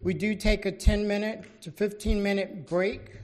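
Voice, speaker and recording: An official presenting at a public meeting in an everyday, middle-pitched voice. The delivery is informal and matter-of-fact, like a fire chief briefing a council. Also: steady tone, measured pace, a little mellow.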